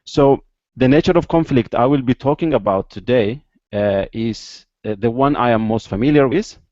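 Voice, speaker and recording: A man from Ethiopia, a guest in an interview, explaining at length with many pauses and fillers over a video call. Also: medium pitch, darkish tone, no echo, lo-fi sound.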